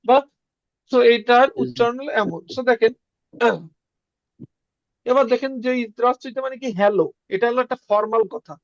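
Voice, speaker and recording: Brief: male tutor, high voice, dry and slightly dull recording, casual lesson. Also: no echo. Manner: conversational, repeats words slowly for learners. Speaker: Russian language teacher.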